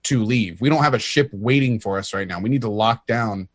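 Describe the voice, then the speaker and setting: A man's voice: fairly low pitch, fairly quick, no echo. A man playing a tabletop game, laying out plans in a methodical way. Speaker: player.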